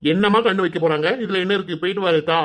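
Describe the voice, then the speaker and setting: A woman's voice: on the low side, steady tone, rapid-fire, voice pushed down, close to an everyday voice. A woman voicing an easygoing young man, speaking offhandedly with a Kanyakumari Tamil accent.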